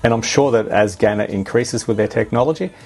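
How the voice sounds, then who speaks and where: A man's voice: medium pitch, a little fast, a little mellow, slightly rough, faint music behind. A man with an Australian accent gives a matter-of-fact product review as a voice-over, explaining features plainly. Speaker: drone reviewer.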